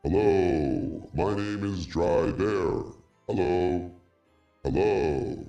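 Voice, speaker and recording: A male streamer talking through a deep voice changer, with slow, drawn-out, goofy lines while testing it on stream. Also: dark tone, echoey room, muffled recording, faint music behind, heavily acted.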